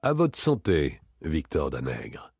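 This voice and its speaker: A man's voice: a bass voice, huge pitch swings, takes it slowly, a little mellow, slightly rough, dry recording, clean studio sound, voice pushed down, full character voice. A man voicing a cold, relentless former police inspector, talking dryly, hard and with precision. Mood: menacing.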